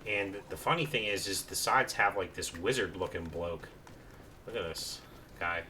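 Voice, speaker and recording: A man narrating his own gameplay in a relaxed, rambling way, full of ums and restarts. His voice is low yet bright and forward, with faint noise underneath. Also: moderate pace. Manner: casual, rambling, with many fillers. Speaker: gameplay commentator. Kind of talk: let's play commentary.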